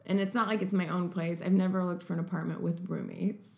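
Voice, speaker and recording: Young woman, casual chat, upbeat, filler-heavy, gravelly fry, echoey room. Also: on the low side, fairly even intonation, fast.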